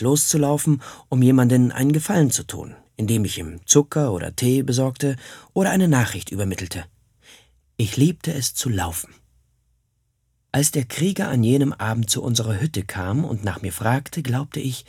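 A man narrating a first-person memoir in a steady, plain storytelling manner. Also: medium pitch, normal speed, husky, no echo, clean studio sound.

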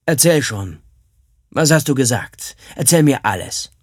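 A man's voice: mid-range voice, big pitch swings, a little slow, husky, no echo, studio quality, full character voice. A man voicing a stern village warrior who calls out commands, in an audiobook reading. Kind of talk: audiobook character voice.

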